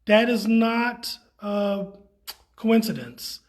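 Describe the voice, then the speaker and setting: A man's voice: high-pitched, animated, drawn-out words. A man speaking casually as a tour guide, showing visitors around. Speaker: exhibit tour guide and co-curator. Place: indoor art gallery. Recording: echoey indoor room.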